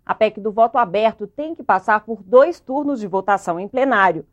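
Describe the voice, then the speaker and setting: A Brazilian woman anchoring a television news bulletin, reading in a measured, formal way. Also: medium pitch, lively intonation, dull audio. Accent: Brazilian Portuguese.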